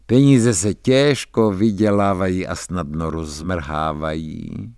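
A man's voice: low voice, steady tone, darkish tone, clean tone, no echo, studio quality. A man voicing a fawning, overly polite old male traveling wine salesman in a dramatic radio story reading.

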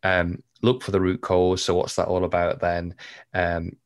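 Deep guy hosting a chat, calm and thoughtful, coachy. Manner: measured, reflective coaching tone. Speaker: podcast host. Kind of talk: conversational interview.

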